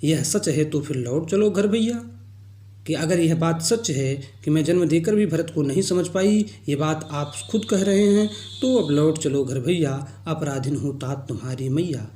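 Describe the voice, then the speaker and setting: A man's voice: on the high side, a little slow, dark tone, a little hiss or hum. A male teacher who recites lines of a poem and then explains each one in plain words. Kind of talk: explaining a Hindi poem line by line. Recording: echoey room.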